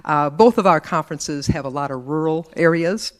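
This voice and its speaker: Man giving a halting church update. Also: fairly high pitch. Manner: halting with frequent uhs. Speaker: conference delegate. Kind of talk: informal presentation.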